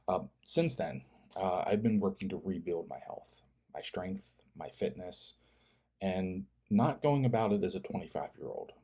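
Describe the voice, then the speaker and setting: A man in his fifties talking to viewers in a personal vlog, earnest and halting, often restarting his words. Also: low-pitched, lively intonation, warm tone, slightly rough. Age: 50s. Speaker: fitness channel creator and host.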